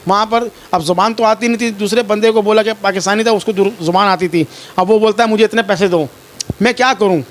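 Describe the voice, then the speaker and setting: A man from Pakistan, speaking quickly in a high voice, relates his ordeal to a reporter while pleading in distress and going over the same points again. The recording has a little hiss or hum.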